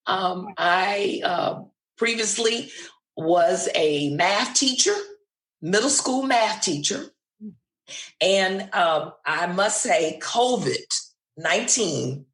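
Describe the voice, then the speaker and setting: Slow-talking woman in her sixties. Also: mid-range voice, fairly bright tone, reverberant. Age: 60s. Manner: slow, thoughtful, with fillers. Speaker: guest, retired middle school math teacher. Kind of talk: casual interview chat.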